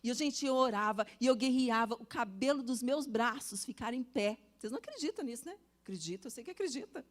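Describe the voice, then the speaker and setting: A woman preaching, telling a personal testimony with animated storytelling and speaking directly to the congregation. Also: on the high side, a little fast, hardly any pauses. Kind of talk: sermon testimony.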